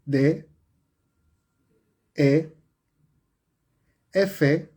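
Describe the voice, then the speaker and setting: A man's voice: fairly high pitch, extremely slow, warm tone, slightly rough. Man teaching sign language. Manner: explanatory, repeats and self-corrects, many fillers. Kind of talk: live-streamed lesson. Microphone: phone or webcam on a live stream.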